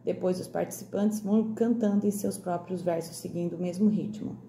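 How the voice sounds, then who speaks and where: A woman teaching young children remotely, with a Brazilian Portuguese accent, slowly sounding out each word. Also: lowish voice, fairly even intonation, dark tone, echoey room, a little hiss or hum. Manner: slow, over-articulated sounding out of words for children. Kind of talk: remote classroom lesson.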